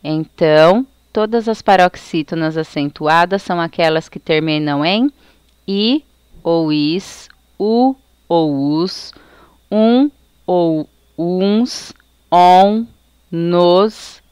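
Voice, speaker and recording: Brazilian woman teacher, slow and careful delivery, smooth voice on a dry close mic. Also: on the low side, a little mellow, dry recording. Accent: Brazilian Portuguese. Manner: slow, careful explanation, reading out lists. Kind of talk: recorded lesson for children.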